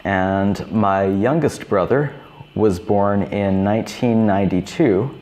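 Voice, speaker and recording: A man in his thirties teaching beginner English, repeating each simple phrase slowly and clearly. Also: fairly low pitch, darkish tone, slight background noise. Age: 30s. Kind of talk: slow, repetitive teaching for beginners.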